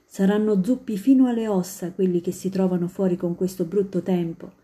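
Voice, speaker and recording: A woman reading a storybook and voicing a kind old male poet in a soft, gentle, slightly lowered tone. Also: fairly even intonation, brisk, lightly acted.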